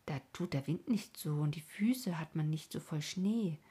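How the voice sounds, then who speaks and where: A woman's voice: low voice, normal speed, dark tone, slightly rough. A woman doing a wistful little boy. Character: wistful, sad little boy dreaming of far places. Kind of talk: bedtime story reading.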